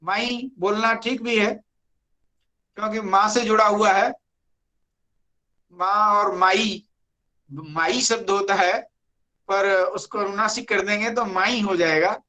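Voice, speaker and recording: Grammar teacher, online class lecture, very unhurried delivery, repeats key words. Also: medium pitch, steady tone, bright, forceful tone, rough recording.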